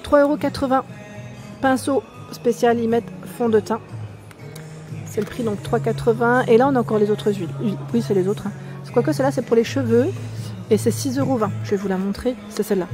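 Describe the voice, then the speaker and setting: Chatty French woman reading out prices. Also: on the high side. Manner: chatty, reads out prices and labels, asks viewers questions. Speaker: shopping haul vlogger. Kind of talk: casual store walkthrough. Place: shop aisle. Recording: music playing behind.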